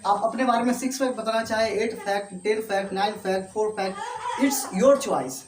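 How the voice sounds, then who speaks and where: A man teaching English to his class, speaking with an Indian accent and repeating himself, often checking that his students are following. His voice sits fairly high. The room is echoey and has background noise. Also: fairly even intonation, brisk. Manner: repetitive, checks understanding often.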